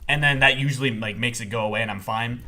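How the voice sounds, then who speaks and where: A man's voice: medium pitch, fast, sharp tone. A young man co-hosting a casual comedy podcast, hesitant, with many restarts and fillers. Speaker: podcast co-host. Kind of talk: casual chat.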